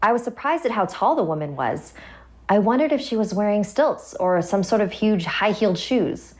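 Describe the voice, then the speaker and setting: A woman's voice: mid-range voice, lively intonation, moderate pace. A woman narrating a scripted first-person horror story, with music behind her voice.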